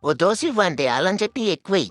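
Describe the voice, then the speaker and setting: A woman's voice: mid-range voice, animated, rapid-fire, soft background music, natural voice. A woman voicing a hot-tempered, insulting young man in a cartoon. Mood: irritated, scornful. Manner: shouting insults, blunt.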